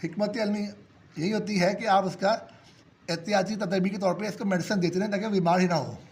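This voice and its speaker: A man with a sore throat, hosting a bird-keeping channel, calmly explains medicine doses to viewers he calls friends. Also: high voice, a little fast. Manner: steady, repetitive explaining, addresses viewers as friends. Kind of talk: casual advice talk to viewers.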